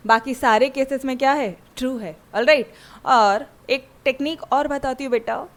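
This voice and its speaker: A woman teaching maths gives a chatty classroom lecture in a mix of Hindi and English, frequently checking in with her students. Her voice is on the high side.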